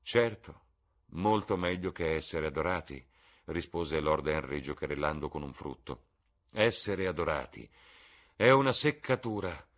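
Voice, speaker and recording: A man's voice: low-pitched, a bit bright, voice pushed up. A man doing a languid, ironic aristocrat. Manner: ironic, epigrammatic.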